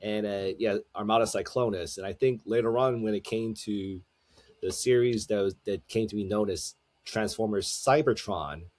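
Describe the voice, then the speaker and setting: A man's voice: on the low side, darkish tone. A man co-hosts a loose podcast conversation. He stammers through his thoughts and restarts often, rambling his way to the point. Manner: rambling, halting, many restarts. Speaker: podcast co-host. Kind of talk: casual chat.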